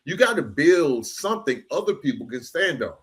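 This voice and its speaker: A man hosting a podcast interview speaks at normal speed in a very animated voice on the high side. He is casual and reflective, backing up his guest and sprinkling slang through his comments.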